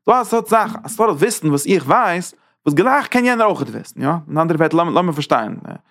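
A man teaching a Torah class in a lively lecture style, talking with sudden leaps in pitch. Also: quick pace.

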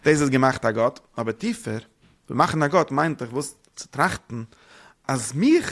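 A man giving a spoken religious lesson, rambling quickly and posing rhetorical questions to his listeners. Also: medium pitch, lively intonation. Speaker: religious teacher.

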